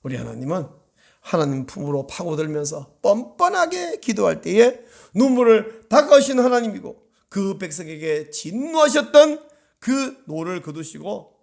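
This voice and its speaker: A man's voice: high-pitched, normal speed, gravelly. A man preaching as a church pastor, acting out the voices of the people in his stories. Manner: animated, acts out voices of children and psalmist in dialogue. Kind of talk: sermon.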